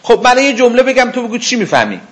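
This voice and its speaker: A man's voice: very high voice, very animated, fairly bright tone. A man teaching a religious seminary lesson, who acts out questions and answers with imagined speakers and asks his listeners rhetorical questions. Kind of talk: spoken lecture.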